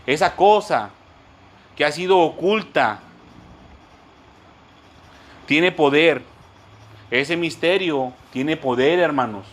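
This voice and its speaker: A man's voice: a little high, lively intonation, slow pace, pauses often. A man teaching a church Bible study, repeating his points and often calling the listeners brothers. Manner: repetitive, addresses listeners as brothers; explains word by word, spells terms out.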